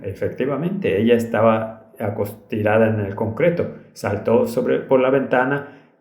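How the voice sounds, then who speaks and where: A man's voice: fairly low pitch, creaky, a little mellow. Earnest male preacher, roomy echo. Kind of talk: sermon, dubbed storytelling.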